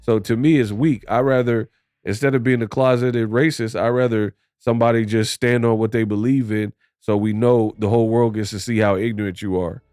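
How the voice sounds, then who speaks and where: A man's voice: medium pitch, steady tone, a little fast, a little mellow, clear, resonant tone, no echo, clean studio sound, soft background music. A man giving blunt, critical opinion commentary on boxing in a conversational way.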